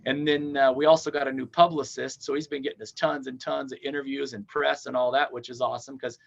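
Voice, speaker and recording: Dull audio captures a man in his forties, frontman of a touring band, speaking as a guest on a podcast. His medium-pitched voice is flat and creaky, yet his manner is upbeat and rambling as he rattles on quickly in long stretches of casual interview chat.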